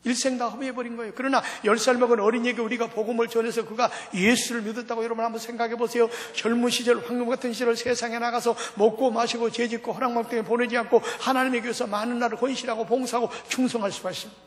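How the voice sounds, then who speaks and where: Fast-talking high-voiced male revival preacher. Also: little pitch movement. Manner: fast-talking, rhetorical questions to the congregation. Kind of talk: revival sermon. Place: large church hall. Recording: long reverb of a large church hall.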